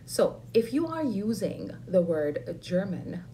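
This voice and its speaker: A woman teaching an English lesson, saying model phrases slowly and clearly for learners to repeat. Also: mid-range voice, sing-song, mellow, slight background noise, poor audio. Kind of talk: ESL lesson with repeat-after-me drills.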